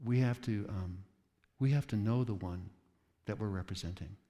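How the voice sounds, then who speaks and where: A man preaching a sermon in an animated way, acting out quoted voices with sudden jumps in pitch. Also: moderate pace. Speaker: pastor. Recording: long reverb of a large hall.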